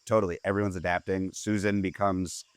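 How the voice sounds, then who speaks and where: A man's voice: sits low, flat delivery, fairly quick, smooth, no echo. A man co-hosting a film podcast, talking loosely, swearing freely and acting out lines from the movie. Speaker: podcast co-host. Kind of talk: casual film discussion.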